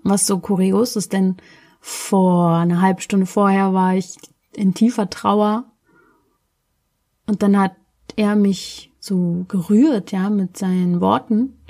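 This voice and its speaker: A woman's voice: medium pitch, fairly even intonation, slow pace, mellow. A woman from Berlin casually telling a personal story in a reflective way, often searching for words. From Berlin, Germany.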